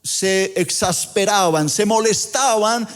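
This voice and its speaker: A man's voice: sits high, takes it slowly. A male pastor preaching a sermon in a church auditorium, acting out dialogue with rising and falling emphasis. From Colombia. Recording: long hall reverb.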